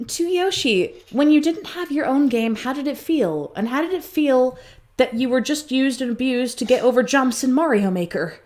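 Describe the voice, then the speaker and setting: A woman's voice: high voice, expressive, moderate pace, darkish tone. A woman voicing a composed adult goddess who reads out audience questions in a theatrical, swooping way. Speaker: in-character Q&A host. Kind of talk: in-character fan voice acting Q&A.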